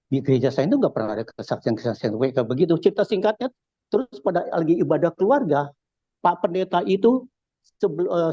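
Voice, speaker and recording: A man's voice: on the high side, slightly rough, no echo, dull audio. A man from Indonesia with a Jakarta accent, giving a casual spoken church testimony and acting out the dialogue as he tells it. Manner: animated storyteller acting out dialogue.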